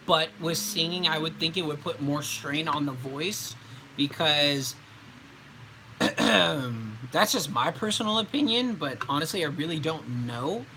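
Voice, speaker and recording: A man hosting a casual livestream Q&A as a voice actor, with a very bright, sharp-edged tone. He rambles loosely, dropping ums and likes as he answers viewers, his voice sitting somewhat high for a man. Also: expressive, unhurried, slight background noise, rough recording.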